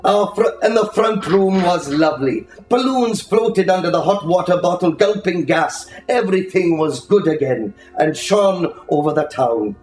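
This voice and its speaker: A male storyteller gives a slow, dramatic, lyrical reading of a literary story at a live event in a bookshop. His voice sits high with a darkish tone and lively intonation, unhurried throughout. The room echoes and faint music plays behind.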